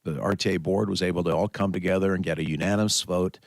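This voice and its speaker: A low-pitched American man talks as a radio host in a conversational morning-show style. The sound is dry and close, as from a studio microphone. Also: fairly even intonation, fast talker, gravelly, no room sound. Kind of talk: morning radio talk, conversational local politics discussion.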